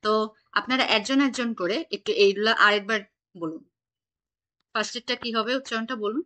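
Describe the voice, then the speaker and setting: A woman's voice: fairly high pitch, brisk, pushed and bright. A woman teaching an online German class, patiently quizzing her students on pronunciation over a video call.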